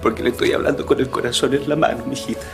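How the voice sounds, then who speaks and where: Male actor, tender melodrama dad, trembling emotional voice, earnest halting phrases, medium pitch, prominent music backing. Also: little pitch movement, vocal fry, close to an everyday voice. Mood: emotional, pleading. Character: tender, remorseful father speaking humbly to his daughter. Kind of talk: television melodrama acting. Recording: loud music over soap dialogue.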